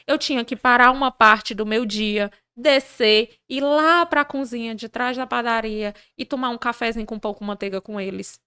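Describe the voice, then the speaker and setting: High, bright-voiced woman telling animated stories. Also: moderate pace, few pauses, clear, resonant tone, no echo, clean studio sound. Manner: animated, acts out dialogue in her stories. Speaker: podcast guest, business leader. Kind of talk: conversational interview.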